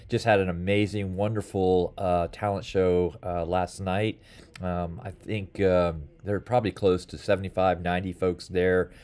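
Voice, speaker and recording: Low-voiced pastor giving casual announcements. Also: male voice, a little mellow. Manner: rambling, many fillers and restarts. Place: small office with bookshelf and blinds. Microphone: webcam or phone at desk, close framing.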